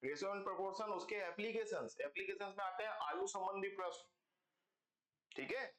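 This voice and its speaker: Teaching an online math class at normal speed, a high-voiced man with a somewhat bright tone walks through each step and keeps checking on his students. He calls them kids, using "beta" and "bachcho," and the recording has a roomy feel.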